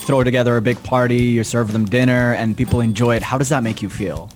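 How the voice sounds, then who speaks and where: Relaxed male radio host. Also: medium pitch, fast talker. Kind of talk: radio interview.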